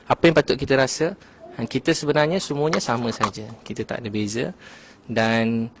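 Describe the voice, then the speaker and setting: Fast-talking Malaysian male preacher. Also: medium pitch, a little hiss or hum. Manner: animated storytelling, frequent "ha" fillers. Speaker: religious preacher. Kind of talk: casual religious talk.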